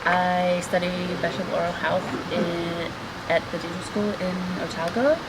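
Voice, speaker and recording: Samoan accent woman mid 20s, casual interview, bit hesitant, loud noise behind her. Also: on the low side, fairly even intonation, normal speed. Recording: loud room hum and background noise.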